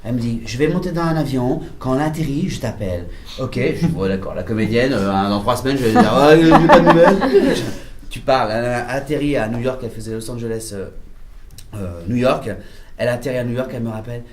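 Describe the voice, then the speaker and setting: Lively man telling a story, laughing. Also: medium pitch, a little fast, reverberant. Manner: lively storyteller, mimics voices, laughs often. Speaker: film director at a press conference. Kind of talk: animated anecdote telling. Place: press conference room.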